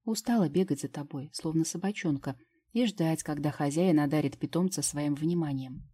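A woman voicing a stubborn young fairy-witch who speaks in a soft, coaxing, sometimes plaintive way, pitched above her own voice. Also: moderate pace, husky. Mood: sad.

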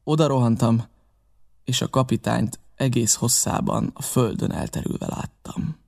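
A man reading a novel aloud in steady, measured narration. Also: mid-range voice, vocal fry. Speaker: audiobook reader.

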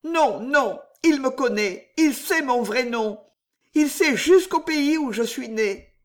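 A pale young noblewoman, voiced by a reader, pleads in a shaken, lively voice that swings up and down. She speaks slowly, as if every word costs her. Heard as a character in an audiobook reading. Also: high voice, voice pushed up. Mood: frightened.

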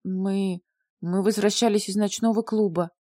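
A woman's voice: medium pitch, steady tone, a little slow, dark tone, dry recording, studio quality, natural voice. A woman voicing a distraught young husband in an audiobook, agitated and pleading. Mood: flustered. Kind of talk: audiobook character voice.

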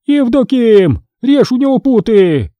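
A man's voice: expressive, a little slow, dry recording, lo-fi sound. A man voicing a greedy, widowed old-time noblewoman who shrieks and commands. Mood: commanding. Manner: shrieking, shrill, imperious.

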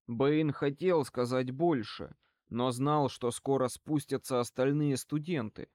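A man's voice: mid-range voice, steady tone, measured pace, darkish tone, no room sound, clean studio sound. Man reading an audiobook. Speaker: audiobook reader. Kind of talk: audiobook narration.

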